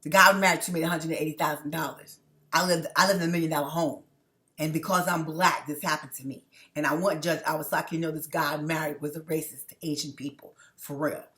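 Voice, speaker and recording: A middle-aged New York City woman vlogs straight to her viewers in a rambling personal monologue, restarting sentences often and checking in with "okay?" again and again. She has a deep, slightly bright voice, a steady tone, and talks fast.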